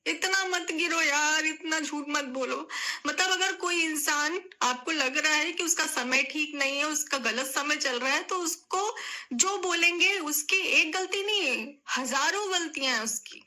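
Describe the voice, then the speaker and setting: An unhurried young vlogger pleads through tears straight into the camera. Her very bright, high voice cracks, and she keeps going back over the same phrases.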